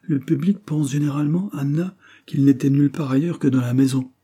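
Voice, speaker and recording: Grave young man, gentle and steady, a male narrator doing him, mellow and husky. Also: a little high, fairly quick, pitched above the performer's own voice. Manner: calm, grave.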